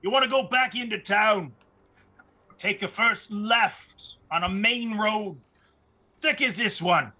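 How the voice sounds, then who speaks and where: A man puts on a middle-aged village taxidermist for a tabletop game. He is terse and a little creepy. The voice is sharp and sits fairly high. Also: takes it slowly, exaggerated voice. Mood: gruff, unhurried. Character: gruff middle-aged stocky townsman taxidermist.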